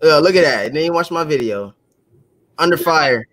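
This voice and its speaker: A man's voice: a little high, expressive, normal speed, a crowd in the background. Slangy young man on a video call. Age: 20s. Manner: loose, slangy, hesitant with fillers. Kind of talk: casual group chat on a video call.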